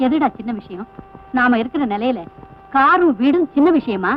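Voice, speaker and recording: A woman's voice: high-pitched, expressive, moderate pace, a little hiss or hum. An actress playing an anxious middle-aged mother who scolds her son in old film dialogue. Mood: scolding. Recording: dull old film soundtrack.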